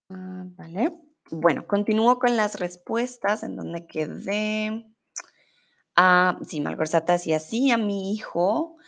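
Slow, patient woman teaching Spanish. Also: medium pitch. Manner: patient, reads student comments aloud and explains slowly. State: voice a bit off today. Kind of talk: live online Spanish lesson.

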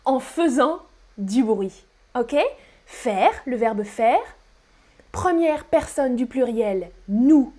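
A woman teaching a French grammar lesson on a live stream, speaking slowly and deliberately and repeating key words. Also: a little high, animated, mellow. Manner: slow, deliberate teaching with repetition; whispers on purpose as a demonstration.

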